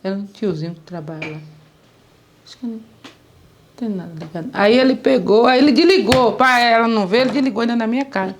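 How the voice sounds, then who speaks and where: A woman's voice: on the high side, fast talker, slight background noise. A woman, telling a story in casual talk and acting out the voices she quotes. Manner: animated, acts out quoted voices. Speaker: interviewee.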